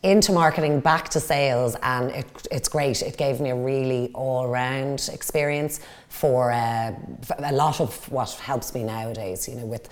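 An Irish-accented businesswoman from Dublin, appearing as an interview guest, answers questions in a conversational way. She's a company executive with a bass voice, a steady tone and a normal speaking speed.

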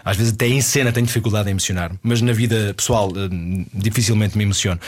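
A man's voice: fairly low pitch, steady tone, fast talker. A man with a European Portuguese accent, chatting as a guest and telling a story with many restarts and dry jokes. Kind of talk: casual chat.

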